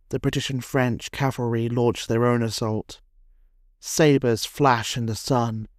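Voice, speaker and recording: A man narrating a history documentary from a script, in a measured, dramatic storytelling cadence. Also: medium pitch, a little mellow, no room sound, clean studio sound.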